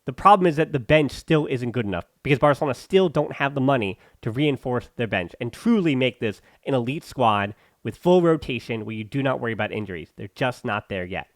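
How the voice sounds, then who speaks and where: A man's voice: mid-range voice, expressive, brisk, few pauses, no room sound, clean studio sound. A man hosting a football podcast, giving emphatic, opinionated analysis with sarcastic asides and bursts of ranting. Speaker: podcast host.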